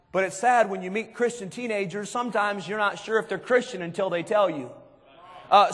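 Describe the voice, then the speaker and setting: A man with a very high voice preaches a sermon, dropping to hushed tones and then rising to shouts. His voice rings out with a long hall reverb behind it. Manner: emphatic, swings between hushed and shouted.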